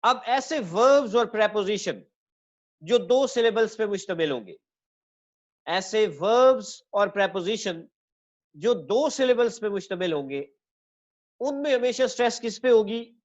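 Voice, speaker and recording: A male English teacher explaining word stress, saying each example word again and again, slowly drawing out the stressed syllables, and calling his listeners children. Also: sits high, expressive, dull audio. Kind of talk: classroom-style lesson.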